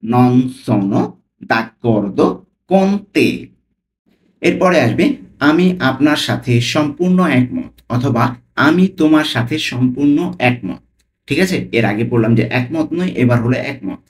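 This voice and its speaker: Slow, patient male language teacher. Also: medium pitch, animated. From Bangladesh. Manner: repeats each phrase, says foreign words very slowly and loudly. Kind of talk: language lesson.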